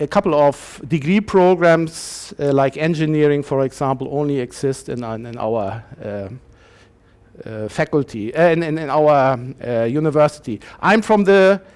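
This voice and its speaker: A man around sixty lectures in English with a slightly raised pitch. He speaks haltingly, pausing on fillers and restarting his phrases as he explains. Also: a little mellow, clean tone. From Germany. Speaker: university lecturer. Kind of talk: conference lecture.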